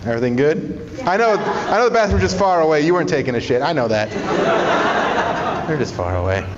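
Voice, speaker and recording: A man's voice: fairly high pitch, very animated, fairly quick. Male stand-up comic doing echoey crowd work. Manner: casual, conversational, profane. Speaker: stand-up comedian. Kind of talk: stand-up comedy crowd work, bantering with the audience. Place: small live comedy show in a climbing gym. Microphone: handheld stage microphone, recorded from the audience. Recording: muffled live room sound, long reverb, audience noise. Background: audience laughter.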